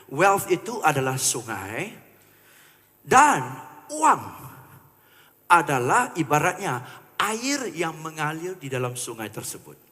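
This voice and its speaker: A man gives a live motivational talk in a large hall, his bright, ringing voice swinging widely up and down as he teases the audience. His words carry a long reverb tail from the room. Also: on the high side, takes it slowly, pauses often. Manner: animated, mixing English into Indonesian, playful audience teasing. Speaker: motivational speaker.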